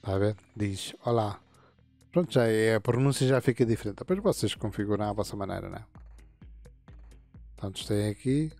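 A fifties-aged man talks viewers through a chat setup. His voice sits low, and he rambles and restarts as he clicks through menus. Faint music plays underneath. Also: darkish tone. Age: 50s. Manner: meandering, halting explanations with frequent restarts. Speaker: gaming channel host. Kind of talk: casual screen-recorded tutorial.

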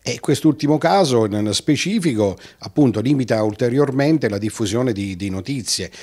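A man's voice: mid-range voice, lively intonation, normal speed, a little mellow, breathy edge. A man heading a press association, giving a statement for the news with hesitations and restarts. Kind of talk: interview statement.

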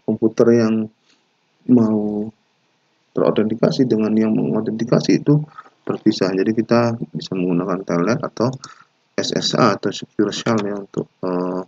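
A man's voice: fairly low pitch, warm tone, breathy edge, no room sound, highs cut off. A man lecturing to a class, explaining step by step and often adding a questioning tag. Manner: unhurried explaining with frequent "ya" tags and hesitations. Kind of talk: recorded university lecture.

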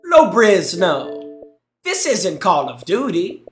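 A young adult man streams from a small room on a headset mic, reacting to gameplay clips with teasing jokes and thanking his chat in casual live-stream commentary. His voice is high-pitched with huge pitch swings and a slow pace, the sound reverberant with music in the background.

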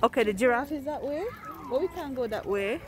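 A woman in her forties vlogs a zoo visit on a windy day, filming with a phone held at arm's length, so wind noise hits the mic. Her high-pitched voice is expressive and fairly quick as she chats casually and repeats herself.

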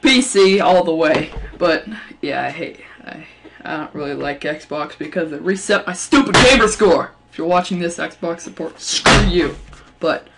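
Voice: mid-range voice, unhurried, vocal fry. Casual gaming rant, rambling delivery, many restarts, jokey mock insults, headset mic, faint background noise. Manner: playful, mock-insulting jokes. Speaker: gaming channel host. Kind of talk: casual rant over gameplay footage. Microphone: gaming headset mic or webcam mic.

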